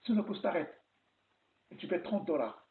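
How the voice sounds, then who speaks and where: A man telling stories in a chatty, animated way on a casual advice vlog. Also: high-pitched, a little fast. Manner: chatty, animated storytelling with repeated phrases. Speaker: vlogger sharing travel advice. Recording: roomy, tinny phone-like sound with faint noise.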